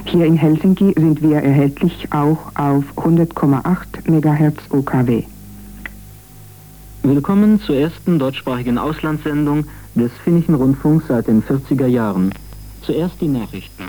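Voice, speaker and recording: A male radio announcer giving a formal broadcast announcement with a measured delivery, heard through fading shortwave radio reception. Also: fairly high pitch, dark tone, rough recording.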